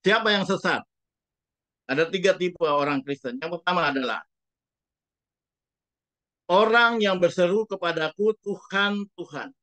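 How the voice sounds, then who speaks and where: A man's voice: high voice, expressive, measured pace, pauses often, fairly bright tone, no room sound. A man preaching a sermon as a pastor, speaking emphatically and putting rhetorical questions to the congregation.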